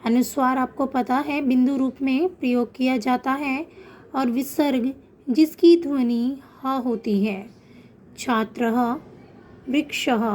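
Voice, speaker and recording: Teaching Sanskrit online to children, a woman explains patiently and slows down to pronounce example words, her voice sitting high and mellow.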